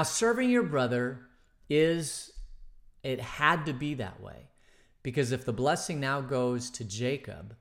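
Man teaching a casual Bible study. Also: mid-range voice. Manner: conversational, thinking aloud with many fillers and restarts; acts out the characters' lines in quoted voices.

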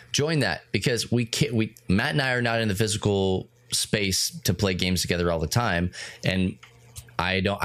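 A man's voice: lowish voice, no echo, studio quality. A man co-hosting a casual podcast chat, rambling and correcting himself as he jokes with his co-host. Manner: rambling, self-correcting, playful banter.

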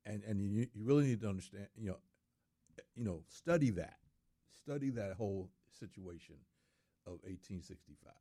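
A man's voice: lowish voice, lively intonation, moderate pace, dark tone, no room sound. A middle-aged man in casual studio talk, speaking earnestly and repeating words for emphasis.

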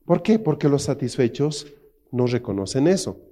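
A man's voice: medium pitch, moderate pace. A middle-aged man with a Mexican Spanish accent, preaching a sermon with jokes and rhetorical questions to the congregation. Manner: animated, jokey, acts out quotes in funny voices; asks the crowd constant rhetorical questions. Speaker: pastor.

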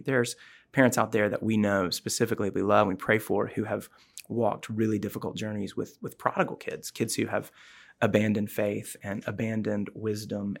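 A man with a low, gravelly voice talks through scripture in a relaxed, conversational way. He is earnest and explanatory, and he often fills his sentences with "um" and "like". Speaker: podcast host discussing the Bible. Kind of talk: casual Bible discussion.

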